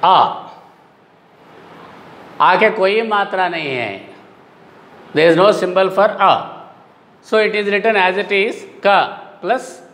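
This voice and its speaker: A man teaching a recorded lesson to young children, explaining slowly and repeating sounds aloud. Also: high-pitched, fairly bright tone, in a large hall.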